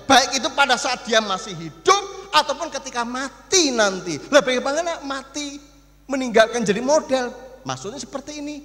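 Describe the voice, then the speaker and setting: A high, bright-voiced man preaches a lively sermon in an echoing church hall. He swings between loud declarations and hushed asides, acting out mourners and gossiping neighbours. The long reverb trails after each phrase. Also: moderate pace. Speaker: pastor.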